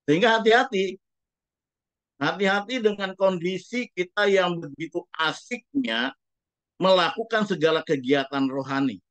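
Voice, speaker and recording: A man's voice: sits high, lively intonation, unhurried, a bit bright, dry recording. A man preaching a sermon as a pastor, speaking emphatically and putting rhetorical questions to the congregation.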